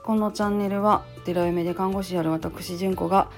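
A nurse who is also a temple priest's wife hosts her own channel, doing a casual solo talk in a Kansai accent, lively, chatty and full of hedging fillers. Her voice is on the low side and fast, with faint music behind her.

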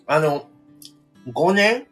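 A man's voice: a little high, animated, very slow, fairly bright tone, soft background music. A man in his thirties with a Kansai accent, chatting casually as he hosts a livestream. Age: 30s. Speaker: livestream host. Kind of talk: casual chat.

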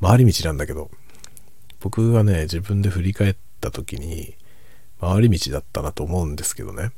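Hushed, husky, very low-pitched man. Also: lively intonation, no echo. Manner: reflective, musing, unhurried soft-spoken delivery. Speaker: host of a late-night chat for falling asleep. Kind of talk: hushed, low-voiced casual late-night chat.

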